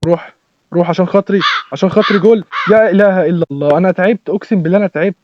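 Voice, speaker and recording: Fast excitable Egyptian man gaming. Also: high-pitched, dull audio. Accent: Egyptian Arabic. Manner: excitable, shouting at the game. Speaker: gaming YouTuber. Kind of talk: live gameplay commentary. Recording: clear background noise.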